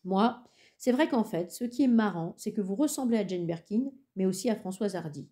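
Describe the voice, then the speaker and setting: A polite, anxious teenage boy who keeps apologizing and picks at details, as a woman reads him. The voice is very dark and mellow, in an audiobook. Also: medium pitch, lively intonation, moderate pace, close to an everyday voice. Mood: apologetic. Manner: apologetic, precise.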